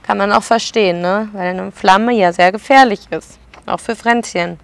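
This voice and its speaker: A woman preschool educator reading a picture book aloud to children and pausing to explain the pictures. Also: medium pitch, vocal fry.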